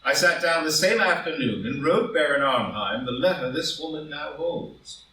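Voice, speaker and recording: A man reads the part of a wealthy, proud and ambitious gentleman guarding a guilty secret, performing with grand, emphatic passion at an in-person group reading of a play indoors. He sounds indignant and defiant, his pitch fairly high, his delivery animated at a normal pace. The mic sits far away, giving a roomy, live sound.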